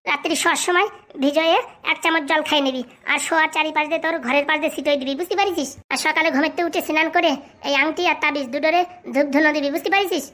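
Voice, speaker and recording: Cartoon swindler guru, male, bossy and scolding, very high and rapid, as a woman plays him. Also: fairly even intonation, fairly bright tone. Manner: bossy, fast-talking, scolding. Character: scheming young male con man posing as holy fortune-teller. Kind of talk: comic cartoon voice acting.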